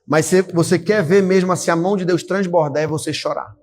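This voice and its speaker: A man's voice: high voice, fairly even intonation, fairly quick, a little mellow, faint music behind. A man preaching a fervent sermon at a church service, exhorting and calling out to the congregation. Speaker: pastor.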